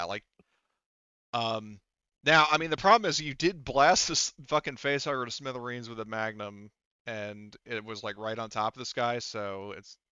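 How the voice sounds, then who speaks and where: Running a tabletop roleplaying game, a male game master walks his players through the rules with casual profanity. His voice sits fairly low, pushed and bright, with a clean tone and no echo. The close, dry voice track sounds dull and lo-fi.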